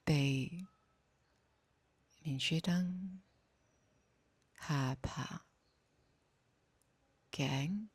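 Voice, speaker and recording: A woman with a Hong Kong Cantonese accent leads a meditation, her low voice soft and breathy with no echo. She speaks slowly and calmly, offering gentle instructions.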